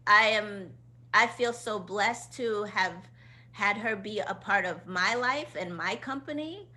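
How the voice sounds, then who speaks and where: Woman, Queens accent, bright and punchy tone, heartfelt interview guest in relaxed conversation. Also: medium pitch, slow. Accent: Queens, New York. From Queens, New York, United States. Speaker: guest, choreographer and company founder. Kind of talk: casual interview talk.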